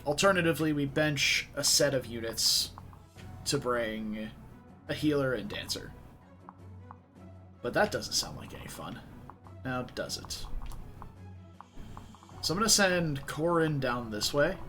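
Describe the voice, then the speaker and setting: A man's voice: medium pitch, lively intonation, measured pace, pauses often, bright, forceful tone, faint music behind. A man giving casual let's play commentary, thinking aloud about strategy and speaking to viewers. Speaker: gamer.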